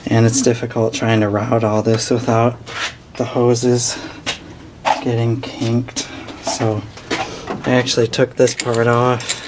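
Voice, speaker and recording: A man's voice: medium pitch, background noise. A man giving a plain, hands-on walkthrough of a repair, explaining as he works on an engine. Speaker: DIY mechanic. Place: working in a vehicle's engine bay.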